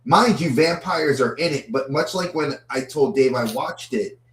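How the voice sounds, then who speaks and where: In a laid-back movie-review conversation, a male podcast co-host frequently repeats words at the start of his thoughts. His mid-range voice has a fairly bright tone and moderate pace, captured with a roomy echo.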